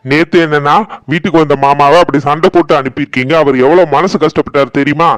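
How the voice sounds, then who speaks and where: A man with a Tirunelveli Tamil accent voicing a gentle young husband in a cartoon, soothing his wife and standing firm with his mother. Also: on the high side, steady tone, fast talker, clean tone, no room sound, lightly acted. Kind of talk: cartoon voice acting.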